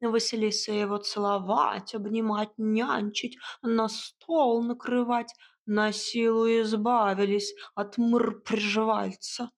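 A woman voicing a proud, grumbling male house cat who talks slowly and purrs between words in an audiobook. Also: a little high, little pitch movement. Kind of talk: audiobook character voice.

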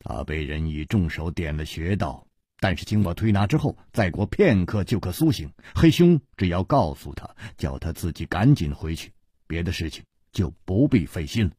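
A man voicing a calm, wry gallant hero in a traditional storytelling performance. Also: mid-range voice, unhurried, slightly rough, no room sound, studio quality. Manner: wry, composed, gently teasing.

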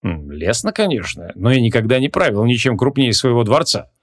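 A man voicing an arrogant, quick-tempered ancient archmage who talks gruffly and scornfully. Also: mid-range voice, very animated.

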